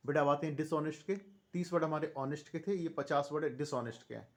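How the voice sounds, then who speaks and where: A man's voice: a little high, fast. A man with an Indian accent teaching English vocabulary online, reading long lists of synonyms and calling his students "beta" in a fatherly tone. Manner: reads synonyms one by one in a steady list. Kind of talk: online vocabulary lesson, reciting word lists.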